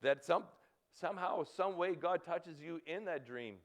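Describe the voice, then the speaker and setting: Fifties male pastor, Canadian accent, high and animated delivery, halting and urgent. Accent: Canadian English. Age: 50s. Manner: halting, repeats words, urgent exhortations. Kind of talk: sermon.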